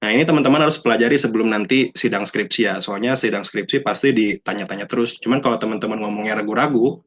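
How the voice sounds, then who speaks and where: A man's voice: on the low side, fast talker, a bit bright. A young man giving a chatty talk to students, mixing in English phrases and acting out quoted people. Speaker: alumnus speaker. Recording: dull lo-fi sound.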